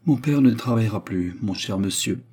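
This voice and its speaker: A man reading aloud, voicing a humble, trembling poor young woman in a softly raised voice. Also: lowish voice, normal speed, close to an everyday voice.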